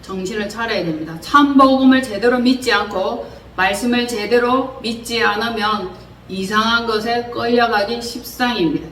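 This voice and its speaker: Bright-voiced woman preaching in a roomy space. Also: a little high, normal speed. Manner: earnest exhortation with many rhetorical questions. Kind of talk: sermon. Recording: roomy echo, distant mic, faint noise.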